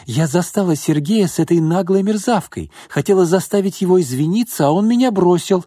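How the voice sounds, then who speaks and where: A man voicing a jealous, hysterical young woman in an audiobook, shrill and accusing. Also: expressive, fairly quick, dark tone, slightly rough, dry recording, studio quality. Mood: distraught. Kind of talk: audiobook character voice.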